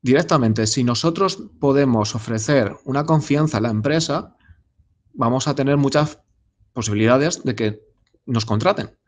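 A man's voice: mid-range voice, moderate pace. Man, hesitant, filler-heavy, informal presentation. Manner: hesitant, many fillers and restarts. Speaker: speaker presenting his startup.

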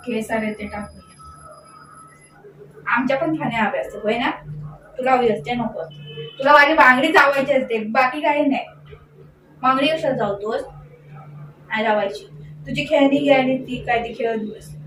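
Young woman fussing over her dogs at home, slow coaxing little commands, kinda high voice, echoey and far from the mic. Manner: coaxing and fondly scolding, short repeated commands. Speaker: pet vlogger. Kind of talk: casual talk to pet dogs. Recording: roomy echo, mic at a distance.

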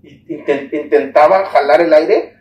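A man's voice: a little high, unhurried, highs cut off, slight background noise. A man with a Mexican accent gives a personal account in an interview, acting out the conversations he remembers. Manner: animated storytelling, acts out the dialogue he recalls. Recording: roomy echo, distant mic, faint ambience.

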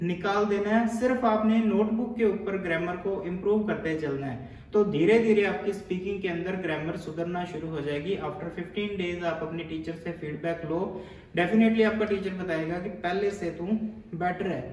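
A man's voice: high voice, moderate pace, darkish tone, distant mic. A man coaching students for a speaking test, direct and familiar, repeating key words for emphasis. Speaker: IELTS speaking teacher. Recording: echoey room, voice from away from the mic.

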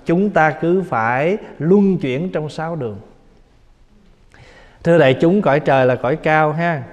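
A man's voice: a little high, measured pace, big-room sound, muffled recording. A man in his forties with a southern Vietnamese accent, a Buddhist monk giving a Dharma talk with folksy, humorous storytelling. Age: 40s.

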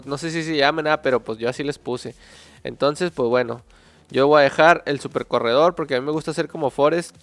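A man's voice: on the high side, no echo. A man with a Mexican accent giving casual, joking gameplay commentary, full of slang, reading the game text aloud. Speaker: gaming youtuber.

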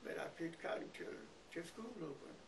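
A very old man of about a hundred with a Southern US accent and an aged, creaky voice, reminiscing haltingly in an interview. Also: on the high side, animated. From Mississippi, United States. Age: very old, about 100. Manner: halting, repeats words and pauses. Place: living room by a window, indoors. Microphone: camera a few feet away. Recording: noisy, distant room camera recording.

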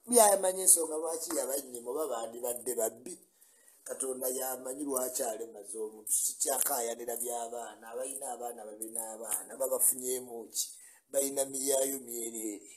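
Older ugandan guy live streaming from a small room on his webcam, chatty, shouts out viewers by name. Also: medium pitch, fairly quick, slight background noise, rough recording. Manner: animated, greets viewers by name, laughs often. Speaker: vlogger. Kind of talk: casual live-stream chat. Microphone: webcam or phone in front.

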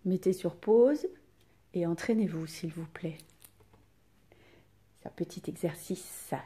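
Slow, mellow-voiced woman teaching children. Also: lowish voice, breathy edge. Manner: slow, exaggerated intonation to demonstrate punctuation; asks pupils questions and leaves pauses for answers. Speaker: primary school teacher. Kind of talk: recorded lesson for children.

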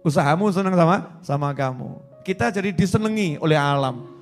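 Brief: middle-aged male preacher, high voice, swings from soft asides to loud repeated emphasis, faint music under. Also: brisk. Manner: animated, switches between soft asides and loud emphatic repetition, chants prayers. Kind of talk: sermon.

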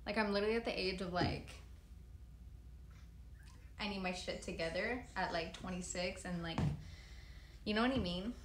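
A woman's voice: mid-range voice, normal speed, long pauses, reverberant, slight background noise. A woman in her twenties hosting a casual livestream, answering comments in a laid-back, chatty way with frequent swearing, recorded on a phone at arm's length in a plain room. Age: 20s. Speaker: livestream host. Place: large plain room indoors. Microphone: phone camera at arm's length.

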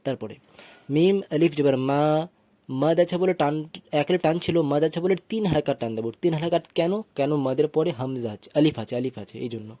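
A man's voice: a little high, dark tone, no echo. Patient male Quran reading teacher. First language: Bengali. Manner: slow, patient spelling of syllables, chanted recitation. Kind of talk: tajweed lesson, spelling out and reciting verses.

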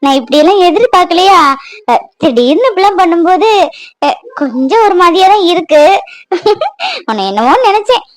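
A woman's voice: very high-pitched, big pitch swings, normal speed, pauses often, no room sound, low-quality recording. A woman voicing an anxious, tearful young bride-to-be in a cartoon, pleading through her worries. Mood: teasing. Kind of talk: cartoon voice acting.

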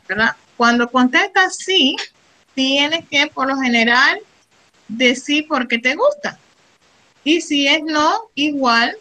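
A middle-aged woman teaching an English class, reading English phrases slowly and explaining them with frequent "right?" check-ins. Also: a little high, pushed and bright, low-quality recording. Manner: reads English slowly, then explains in Spanish with frequent "¿verdad?". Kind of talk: classroom lesson.

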